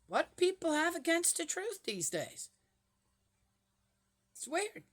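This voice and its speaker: Her voice is very high and sing-song, and she speaks slowly. She's a Swiss woman in her 60s who vlogs while reading the Bible, rambling chattily and posing rhetorical questions to her audience.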